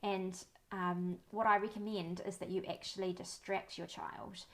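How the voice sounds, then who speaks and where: A woman, in her thirties, talks to camera as a parenting educator. Her voice sits at a middle pitch, and she speaks in a friendly, calm, reassuring way, telling little stories from her own life. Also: unhurried. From New Zealand. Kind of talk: talking-to-camera advice.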